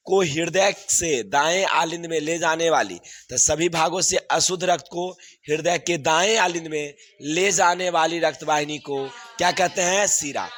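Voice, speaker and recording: A man's voice: high voice, fairly bright tone. A man, teaching a class and going over exam answers, repeating questions and laughing often.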